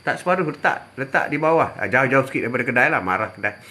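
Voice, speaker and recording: An older man from Malaysia giving religious advice on a live stream, answering viewers in a chatty way, repeating phrases and often dropping a quick "ha". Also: mid-range voice, lively intonation, sharp tone. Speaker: religious teacher.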